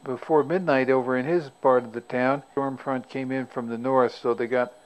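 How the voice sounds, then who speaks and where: A man checking in on an amateur radio net, heard over a radio link and speaking in unhurried radio procedure with call signs. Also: medium pitch, steady tone. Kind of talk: casual radio net chat. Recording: muffled narrow-band radio audio.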